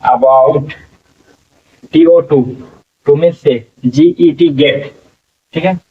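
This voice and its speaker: A man's voice: fairly high pitch, drawn-out words, slightly rough, distant mic. A man teaching English reading in Hindi, spelling words letter by letter and repeating them as he asks the class what they become. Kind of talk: slow spelling lesson. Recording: tinny phone-like sound from off mic.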